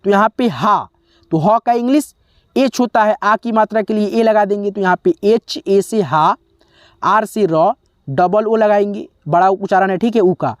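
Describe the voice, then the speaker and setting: A man teaching a spelling lesson, slowly sounding out letters one by one and often pausing to check in with his viewers as friends. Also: high voice, no room sound, studio quality. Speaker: English teacher.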